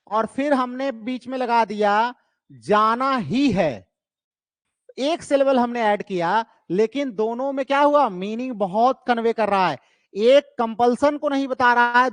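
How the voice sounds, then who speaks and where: A man with an Indian accent giving an exam-prep literature lecture. He explains step by step, asks and answers his own questions, and slows down to read out English terms. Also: very high-pitched, a bit bright, no echo.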